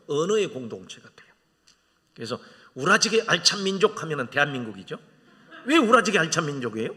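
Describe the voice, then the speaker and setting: A man in his fifties, visiting as a guest preacher, delivers a sermon in a church sanctuary, telling jokes and stories along the way. His voice is fairly high, bright, and forceful, and the church hall gives the recording a reverberant sound.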